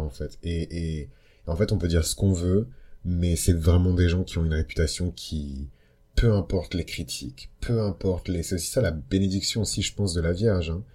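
A young man hosts a solo astrology podcast in a low, warm voice. He talks casually and hesitantly, filling gaps and correcting himself as he goes. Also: slightly rough. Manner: chatty, hesitant, many fillers and self-corrections.

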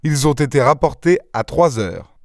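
A man's voice: on the high side, animated, moderate pace, no room sound, pitched above the performer's own voice. A man voicing a curt, grumbling English detective, speaking dryly in a raised voice. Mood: sec. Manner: curt, dry, gruff.

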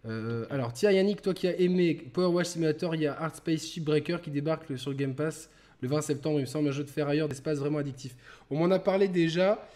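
A man's voice: fast, a little mellow. A man hosting a casual gaming chat show, joking around and repeating himself as he restarts sentences. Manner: joking, mock-reads a sarcastic pitch. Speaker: podcast host.

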